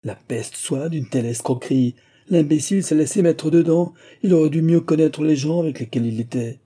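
A proud, sharp-tongued mother scolds her household with open scorn, as a man reading aloud puts her on. Her voice stays dark and husky, the tone indignant and cutting. It is a storybook reading. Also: medium pitch, animated, normal speed.

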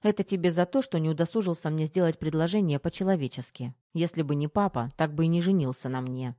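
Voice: mid-range voice, fast, mellow, no room sound, clean studio sound, lightly acted. A storyteller voicing a capricious, teasing young pregnant woman in an audiobook, with a pouting, whiny manner.

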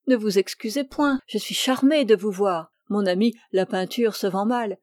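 A woman's voice: mid-range voice, moderate pace, a little mellow, dry recording, clean studio sound, close to an everyday voice. Woman reading as a frank young woman painter. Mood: cheerful.

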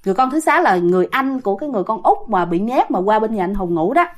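A woman's voice: medium pitch, sing-song, very fast. A woman telling a ghost story in a chatty way, addressing her listeners directly. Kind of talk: casual ghost story narration.

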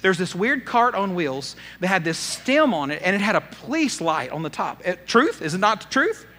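A middle-aged man preaching a sermon as pastor, telling stories with big swings between loud and soft delivery. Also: high-pitched, very animated, moderate pace, a little hiss or hum.

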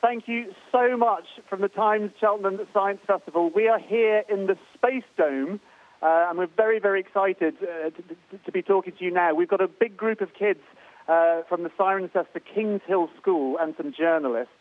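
A man's voice: high voice, moderate pace, dry recording. A man hosting a live event in an effusive way, often repeating words, over a radio link. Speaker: event host. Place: science festival venue with an audience. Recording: tinny, dry radio link.

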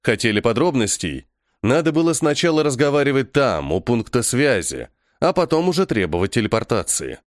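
A man's voice: mid-range voice, very animated, a little fast, dry recording, studio quality, natural voice. A man reading an audiobook, voicing a male alien official who is curt, impatient and evasive.

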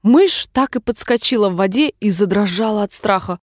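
A woman narrating a storybook in a measured, gentle reading voice. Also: mid-range voice, expressive, dry recording, clean studio sound. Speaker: audiobook reader.

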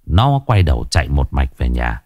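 A man narrating a ghost story in an expressive, animated reading. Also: extremely low pitch, normal speed, dry recording.

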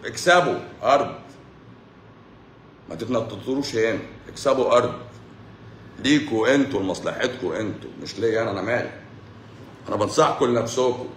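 A man with an Egyptian Arabic accent hosts a livestream as a doctor, lecturing viewers bluntly at a rapid clip. He keeps checking in with quick rhetorical questions. The sound is roomy and echoey, with a faint ambient hum behind him. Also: mid-range voice, a bit bright. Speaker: doctor, channel host.

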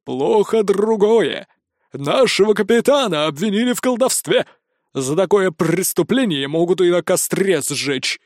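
Brief: an old pirate parrot, boastful and squawky, pitched sky-high, lively swoops. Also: male voice, unhurried, no echo, studio quality. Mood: cocky. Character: cocky century-old male pirate parrot. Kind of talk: audiobook character voice.

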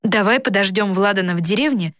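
A woman voicing a spirited young princess with a wry, lively way of talking. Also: mid-range voice, brisk, no room sound, clean studio sound, lightly acted. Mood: pleading.

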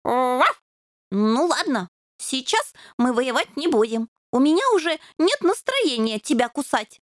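A woman's voice: sing-song, a little slow, dry recording, studio quality. A woman voicing a young male fox terrier puppy who dreams of knighthood, pompous and chivalrous, always saying "oh". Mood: courtly. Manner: high-pitched, peppers speech with "oh".

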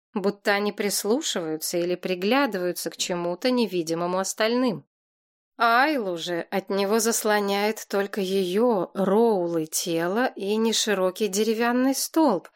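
Woman narrating a fantasy audiobook. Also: mid-range voice.

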